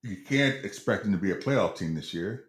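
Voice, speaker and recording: A man's voice: fairly low pitch, animated, fairly quick. A middle-aged man co-hosting a casual sports talk show, hedging and stumbling over repeated words as he tells stories. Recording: roomy echo.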